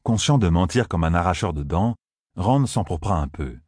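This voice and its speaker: A man narrating a fantasy audiobook in a steady, even storytelling manner. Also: sits low, moderate pace, no room sound, studio quality. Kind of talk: scripted narration.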